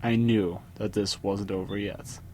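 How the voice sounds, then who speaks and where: A man reading a scripted first-person horror story, dramatically, with pauses for suspense. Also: fairly low pitch, steady tone, mellow. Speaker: creepypasta narrator. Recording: music behind the voice. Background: music.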